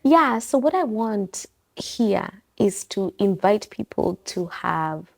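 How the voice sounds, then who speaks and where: A woman from Kenya who runs a bookstore and coffee bar chats through a casual interview in her shop, her musings rambling off course and self-correcting. She speaks slowly at medium pitch with lively intonation and vocal fry.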